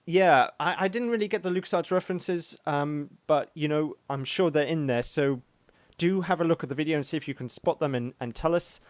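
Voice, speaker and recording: Deadpan joking man, dry and close. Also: on the high side, fairly quick, no echo. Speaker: podcast co-host. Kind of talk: casual podcast chat.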